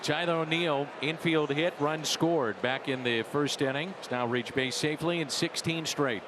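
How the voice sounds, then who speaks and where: A man's voice: on the high side, normal speed. A man calling baseball play-by-play like a radio announcer, in punchy, clipped calls that swell on big plays. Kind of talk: live baseball broadcast commentary in the manner of a radio announcer. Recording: loud stadium crowd noise behind. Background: ballpark crowd.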